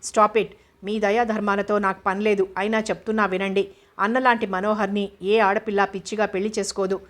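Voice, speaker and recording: A woman voicing a proud, wronged young woman who speaks indignantly and forcefully, in an audiobook. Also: mid-range voice, little pitch movement, fairly quick, lightly acted. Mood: defiant. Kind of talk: audiobook character voice.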